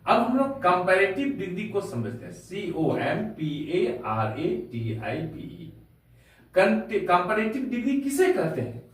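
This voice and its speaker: A man teaching a grammar lesson to a class, slowly spelling out words letter by letter and asking rhetorical questions. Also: high voice, animated. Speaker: English teacher. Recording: very echoey room, from far off.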